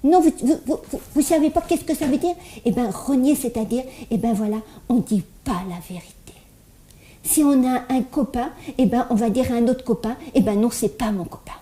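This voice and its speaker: A woman's voice: on the high side, moderate pace, mellow, natural voice. Woman doing a stuttering little child puppet. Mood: storytelling. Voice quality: heavy stutter, repeats words many times. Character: stuttering small child puppet, cheerful and eager. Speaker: children's Bible storyteller.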